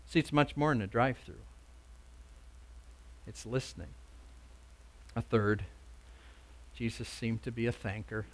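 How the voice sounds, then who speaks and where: A man preaching a sermon, emphatic and repeating words for stress, swinging between loud urging and soft asides. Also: mid-range voice, a little slow, long pauses.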